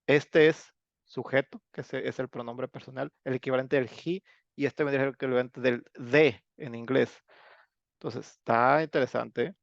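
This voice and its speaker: A gravelly-voiced Mexican man explains grammar to his online class, chatty and full of filler words. His voice is dry and close, and the audio is dull and lo-fi. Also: mid-range voice, steady tone, normal speed, dry recording. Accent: Mexican Spanish. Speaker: English teacher.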